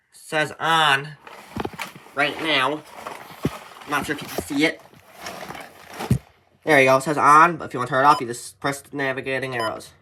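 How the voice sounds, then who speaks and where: A tutorial presenter, a man with a voice on the high side, walks through informal step-by-step how-to instructions. He explains in a plain, repetitive way, with background noise audible.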